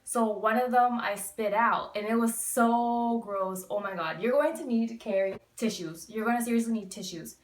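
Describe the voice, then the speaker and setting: A young woman with a fairly high voice talks casually to a camera a little way off in an echoey room. She explains things candidly, with emphatic asides, like a vlogger giving advice. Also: fairly quick, hardly any pauses. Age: 20s. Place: small bedroom, indoors. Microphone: camera a few feet away. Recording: echoey room, distant microphone.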